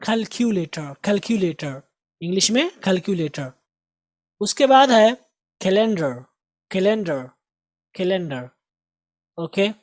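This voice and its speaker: Male English tutor, Indian Urdu accent, steady repetition drills, dry close recording. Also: high voice, no echo. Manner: drills words with slow repeated pronunciation. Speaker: English teacher. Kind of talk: recorded lesson.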